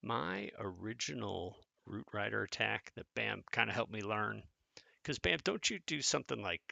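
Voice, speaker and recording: A man talks his way through a strategy game attack in loose live commentary, thinking aloud and answering his viewers as he plays. His voice is low, gravelly and forceful. The sound is close and dry, with no room echo. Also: expressive, normal speed, lo-fi sound. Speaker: gaming content creator.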